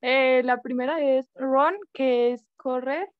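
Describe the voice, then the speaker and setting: A young Colombian woman, a student on a video call, answers slowly and hesitantly in a fairly high voice. Her audio is dull and lo-fi. It sounds dry, with no room echo. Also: steady tone. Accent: Colombian Spanish. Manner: hesitant, unsure. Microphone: computer or phone on video call.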